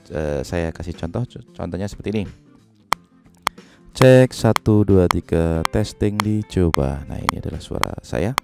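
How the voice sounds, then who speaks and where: Man, low and mellow, calm studio tutorial tone on a studio mic. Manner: relaxed, step-by-step explaining with fillers. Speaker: music production tutor. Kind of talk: software tutorial. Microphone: studio microphone into a sound card.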